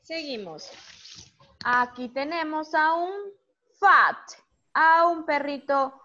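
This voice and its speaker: High-voiced lady teacher on a video call, slow and patient, repeats every word, muffled audio. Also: pushed and bright. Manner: slow, patient drilling with repetition. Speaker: primary school English teacher. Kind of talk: online class, repeating vocabulary.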